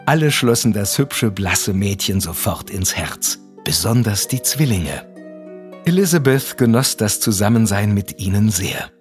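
A man narrating a radio play in a lively storytelling manner. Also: lowish voice, unhurried, faint music behind. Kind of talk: scripted narration.

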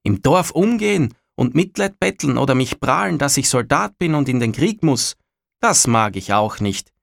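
A man's voice: mid-range voice, very animated, moderate pace, vocal fry, no room sound, studio quality, pitched above the performer's own voice. A man voicing a lazy but stubborn young farmer's son who speaks bluntly.

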